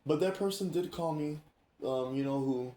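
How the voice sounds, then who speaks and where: A man hosting a casual chat, telling stories in an animated way, laughing and acting out what others said. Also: fairly high pitch, moderate pace, a little hiss or hum. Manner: animated, laughing, acts out quoted speech. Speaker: streamer and host. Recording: roomy echo.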